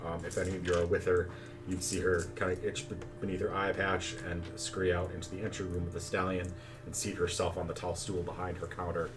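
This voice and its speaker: A man running a tabletop game as game master, narrating in a relaxed, chatty way with plenty of fillers. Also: low voice, fast, music in the background. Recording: distant mic, faint background noise.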